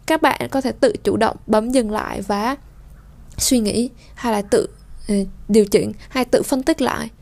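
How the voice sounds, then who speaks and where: A woman from Vietnam gives a pronunciation lesson, talking through each point in an explanatory way. Her voice sits a little high. She reads the example sentences slowly and clearly. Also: a little mellow. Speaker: French pronunciation teacher.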